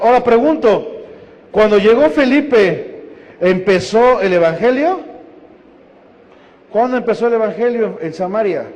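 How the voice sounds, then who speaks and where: High-voiced Mexican pastor preaching. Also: male voice, darkish tone, big-room sound, dull audio. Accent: Mexican Spanish. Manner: asks the congregation questions and answers them. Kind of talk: sermon. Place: church hall.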